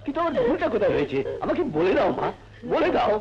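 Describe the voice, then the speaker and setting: A man's voice: high voice, wildly swooping pitch, quick pace, highs cut off, very noisy, full character voice. An actor playing an eldest brother in a melodramatic film, begging forgiveness and comforting his younger brother. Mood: remorseful. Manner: remorseful, then tender and protective. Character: a remorseful, protective eldest brother.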